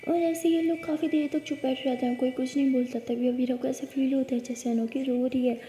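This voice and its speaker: A woman's voice: high-pitched, fairly even intonation, a little fast, warm tone, reverberant. A woman narrating a love story in a chatty, casual way, mixing in English words.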